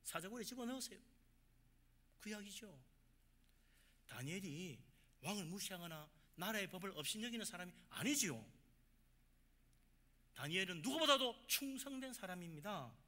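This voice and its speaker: A man preaching a sermon as pastor of a church, with emphatic swings between loud exhortation and quiet asides. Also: high voice, animated, normal speed, pauses often.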